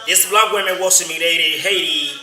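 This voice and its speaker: A man from Colombia with a Colombian Spanish accent, explaining his community's history as a local guide in halting, repetitive English. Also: a little high, steady tone, bright, forceful tone. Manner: halting non-native English, repetitive, frequent "you know?". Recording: roomy, distant from the mic, faint noise.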